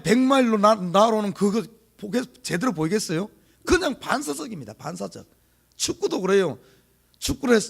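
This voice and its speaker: A middle-aged male pastor with a Gyeongsang accent preaching an early-morning sermon, repeating key words for stress and putting rhetorical questions to the congregation. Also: high-pitched. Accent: Gyeongsang Korean. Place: church sanctuary.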